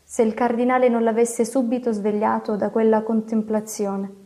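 A woman narrates a classic novel in a steady, expressive reading. Her voice sits slightly high yet sounds warm and mellow. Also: normal speed. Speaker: audiobook narrator.

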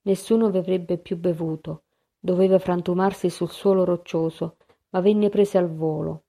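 A woman's voice: fairly low pitch, steady tone, normal speed, mellow. A woman reading a lovesick nobleman, Edward. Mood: earnest. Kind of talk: audiobook reading.

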